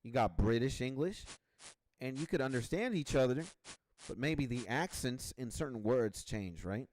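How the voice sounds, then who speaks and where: A man's voice: medium pitch, lively intonation, moderate pace, a little mellow, a little hiss or hum. Venezuelan-accented young man, casual streamer. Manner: rambling, loose, slangy. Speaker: game streamer. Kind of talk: casual chat while gaming. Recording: game music playing behind. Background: clear background music.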